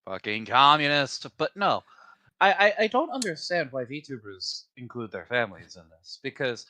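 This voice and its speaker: A man's voice: medium pitch, very animated, moderate pace, bright, forceful tone. A man co-hosting a podcast in casual chat, ranting bluntly and swearing freely. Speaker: podcast co-host.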